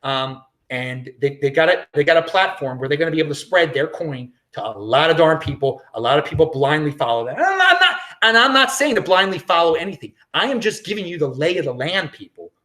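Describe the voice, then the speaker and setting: A man's voice: fairly high pitch, fast talker. A man hosting his own show, delivering an emphatic solo opinion monologue, repeating phrases for emphasis. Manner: emphatic, repetitive, animated. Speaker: show host.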